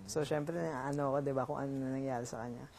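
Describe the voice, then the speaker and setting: A young man with a Filipino accent telling a story in casual chat, halting with many fillers and restarts. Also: medium pitch, fairly even intonation, vocal fry, a little mellow, a little hiss or hum. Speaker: reality show housemate.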